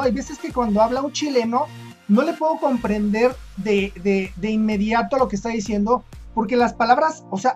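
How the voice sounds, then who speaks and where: A Mexican woman with a Mexican accent, hosting her video in a chatty, explanatory way and thinking aloud. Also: a little high. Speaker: video host. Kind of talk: casual explanatory commentary.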